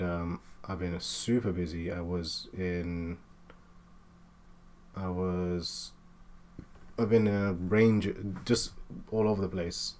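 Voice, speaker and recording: Man, late twenties, very low voice, halting casual chat while drawing, faint room hum behind. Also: darkish tone. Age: 20s. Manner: hesitant, many fillers and restarts. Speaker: art streamer.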